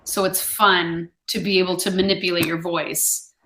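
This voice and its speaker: A woman's voice: on the low side, flat delivery, moderate pace, bright, forceful tone, slight background noise. A woman tutor chatting casually in an online lesson. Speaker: online English tutor and stage actor. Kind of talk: casual video-call lesson chat. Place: indoor room on a video call. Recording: echoey room.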